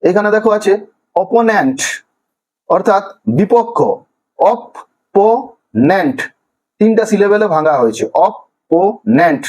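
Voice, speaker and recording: A primary school English teacher from Bengal explains vocabulary to young pupils in a notably high, slightly mellow voice with lively intonation, captured in lo-fi sound. Like a patient classroom teacher, he draws out every word slowly, syllable by syllable.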